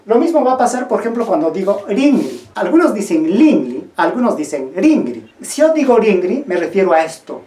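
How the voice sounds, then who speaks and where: Brief: woman instructor, animated pitch, mellow tone, quizzes the viewer and sounds out words, roomy echo. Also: distant mic. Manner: asks the viewer questions, models pronunciations. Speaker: teacher of Quechua linguistics. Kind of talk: explanatory video lesson.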